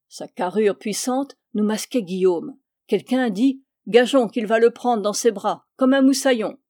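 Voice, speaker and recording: Woman reading a classic tale, mellow. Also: mid-range voice, no room sound, studio quality. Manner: measured, expressive literary reading. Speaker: reader.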